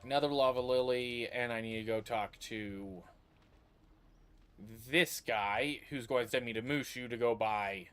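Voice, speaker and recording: A man's voice: medium pitch, a little slow, fairly bright tone, clean tone, faint music behind. A man streaming a video game, talking casually and thinking aloud with meandering restarts. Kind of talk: casual livestream commentary.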